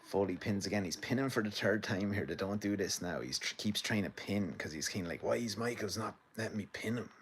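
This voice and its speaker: An Irish man from the midlands hosts a rambling live stream from his sitting room, commenting on a match and chatting casually with viewers. His voice is on the low side and fairly quick with hardly any pauses, and a little hiss or hum sits underneath.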